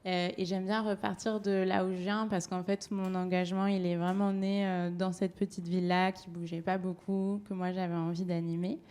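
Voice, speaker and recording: A woman's voice: fairly low pitch, level tone, moderate pace, hardly any pauses, a little mellow. A woman in her twenties from France, speaking live to an audience on a panel, hesitant with many fillers. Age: 20s.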